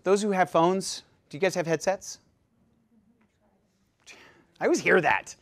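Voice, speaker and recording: Lively man presenting a live seminar. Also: sits high, unhurried. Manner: lively, jokey, quizzes the audience. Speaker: presenter at a dental practice seminar. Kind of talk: live seminar talk to an audience.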